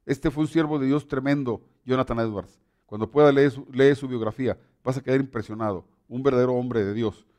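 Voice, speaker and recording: A man's voice: medium pitch, brisk, darkish tone. A male preacher giving an emphatic sermon who often repeats words and restarts his sentences.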